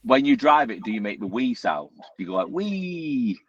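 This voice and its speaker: A man's voice: on the low side, a little fast, crowd noise. A man, a truck driver, telling a story animatedly in casual chat. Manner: animated storytelling, repeats himself. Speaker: podcast guest, truck driver. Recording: dull, dry line.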